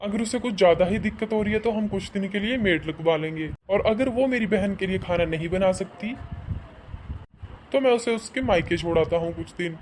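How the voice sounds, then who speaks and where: A man's voice: high-pitched, a little fast, darkish tone, a little hiss or hum, natural voice. A man voicing a young adult son in a cartoon who sides with his sister, firm and dismissive. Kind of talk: cartoon voice acting.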